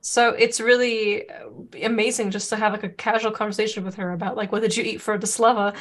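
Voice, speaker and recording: A fast-talking woman co-hosts a podcast in casual chat, rambling and restarting often. Her voice sits at medium pitch with little movement, and her first language is Serbo-Croatian.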